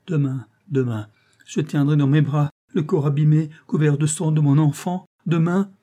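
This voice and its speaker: A man reading an audiobook voicing a desperate mother who pleads emotionally with a detective, rising high as she begs. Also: fairly even intonation, normal speed, dark tone, natural voice. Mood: pleading.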